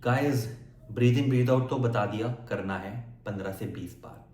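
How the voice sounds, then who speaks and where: A man's voice: lowish voice, normal speed, darkish tone. A male acting coach giving a casual motivational lesson, talking directly to viewers and often checking that they are following. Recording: echoey room.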